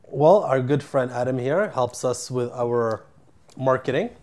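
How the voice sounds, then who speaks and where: A man in his thirties from Canada, a company founder answering interview questions in a calm, plainspoken way. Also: mid-range voice, measured pace. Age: 30s.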